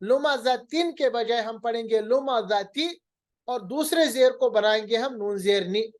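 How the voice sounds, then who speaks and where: A man's voice: very high-pitched, unhurried. A male teacher giving a recorded lesson on Quran recitation rules, patiently repeating each point and sounding out the examples.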